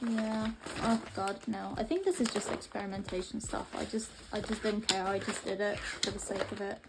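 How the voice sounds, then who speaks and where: In a very noisy recording, a young Latvian woman narrates offhandedly at a normal pace as she goes through her old sketchbooks for her art vlog. She speaks at medium pitch, rambling and hesitant.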